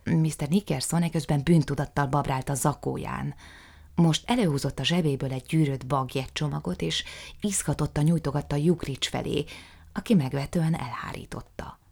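A woman reading literary narration aloud in an expressive storytelling manner. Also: low-pitched, creaky, breathy edge. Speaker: audiobook narrator.

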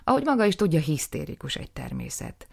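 A woman's voice: on the low side, very animated, vocal fry, voice pushed up, exaggerated voice. Woman voicing a smug dismissive older farmer. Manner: dismissive, sarcastic.

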